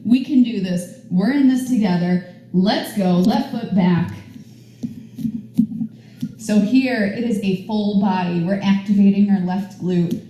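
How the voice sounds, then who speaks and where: A woman's voice: mid-range voice, dark tone, heavy reverb, dull audio, a little hiss or hum. A woman teaching a yoga class, guiding poses with upbeat, chatty encouragement. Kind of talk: guided yoga class instruction. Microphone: camera mic at a distance.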